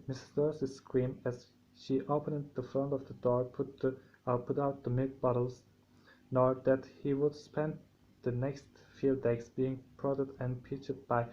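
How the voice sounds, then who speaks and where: A man with a sore throat reading a novel aloud, halting, with frequent restarts and slips. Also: medium pitch, dark tone. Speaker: amateur audiobook reader. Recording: dull lo-fi home recording.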